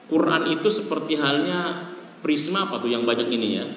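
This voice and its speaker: A man gives an Islamic talk with a fairly high voice that jumps up as he acts out questions. His voice comes from a distance in a big, booming hall. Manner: lively, animated, acts out questions and answers in quick voices. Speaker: Islamic preacher. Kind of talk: mosque talk. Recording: echoey hall, distant mic, faint room noise.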